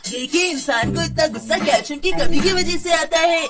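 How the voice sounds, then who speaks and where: A woman's voice: extremely high pitch, moderate pace, over loud music. A woman voicing a mischievous five-year-old boy in a cartoon dub, cheeky and cheerfully backtalking.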